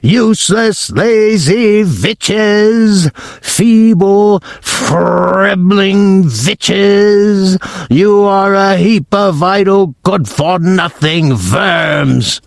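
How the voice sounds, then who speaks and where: A man reading aloud and voicing a tyrannical female witch leader who screams slowly in stiff, clipped phrasing. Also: high-pitched, vocal fry, no echo, clean studio sound, voice pushed up, heavily acted. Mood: furious. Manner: slow, screaming, clipped foreign-sounding syntax.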